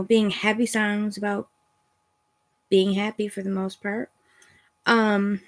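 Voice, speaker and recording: Chatty woman hosting a home livestream. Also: a little high. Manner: chatty, rambling, with frequent ums and self-corrections. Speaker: tarot reader hosting a livestream. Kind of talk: casual livestream chat. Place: at home at a computer. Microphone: phone or computer mic.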